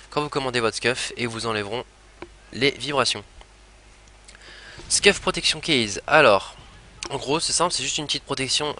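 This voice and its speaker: A young man talking casually to viewers about a game controller, halting with many fillers and restarts. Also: mid-range voice, sharp tone, slight background noise. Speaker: gaming youtuber. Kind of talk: casual product talk to viewers.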